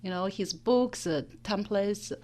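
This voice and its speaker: A woman's voice: medium pitch, takes it slowly, a little mellow. Woman, Chinese accent, Chinese native speaker, interview guest, hesitant, lots of um and right. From China. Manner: hesitant, many fillers, asks "right?". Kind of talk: interview answer.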